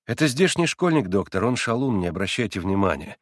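A man reading aloud and voicing a young man who hurriedly calms a doctor and hushes a boy. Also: on the low side, no room sound, studio quality. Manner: hurried, frowning. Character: gentle young man, quick and hushing.

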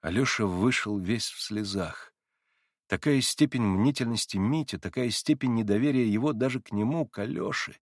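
A male audiobook narrator reading a classic novel in a measured, somber way. His pitch sits in the middle range. The recording is dry and close, with no echo.

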